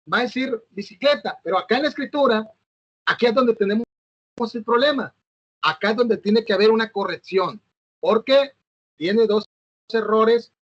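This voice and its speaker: A man with a high voice talks through a lesson he is recording alone. He hesitates, fills gaps and corrects himself, checking in with "¿no?". The sound is dull and lo-fi, in a dry, close space. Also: a bit bright, no echo. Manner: hesitant, fillers and self-corrections, asks "¿no?". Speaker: teacher. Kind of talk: recorded online lecture.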